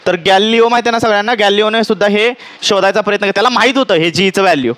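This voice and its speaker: A man's voice: high voice, rapid-fire, a bit bright, clean tone. A man teaching a physics class, who keeps asking his students whether they understood.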